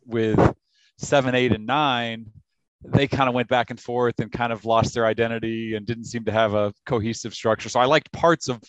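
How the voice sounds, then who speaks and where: A middle-aged man, the guest and the host's father, chatting in a measured, thoughtful way with hesitant restarts. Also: mid-range voice, fairly even intonation, no room sound, lo-fi sound. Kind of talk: casual podcast chat.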